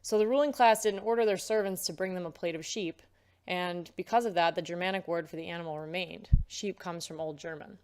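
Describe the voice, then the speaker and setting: Woman lecturing with a smooth, clear voice. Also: lowish voice, brisk, a little mellow. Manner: explanatory, frequent um fillers. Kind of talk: recorded lecture.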